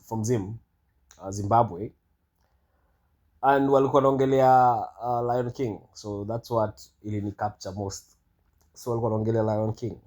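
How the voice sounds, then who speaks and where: A man's voice: mid-range voice, warm tone. Rambling man. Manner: rambling, hesitant, many fillers and restarts. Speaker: vlogger. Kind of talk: casual monologue commentary.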